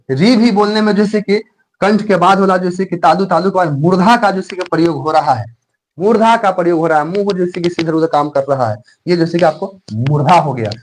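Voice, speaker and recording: A man's voice: high voice, rough recording. A man teaching a grammar lesson for exam prep, repeating himself and quizzing viewers. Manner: repetitive, fills speech with "jaise ki", quizzing viewers.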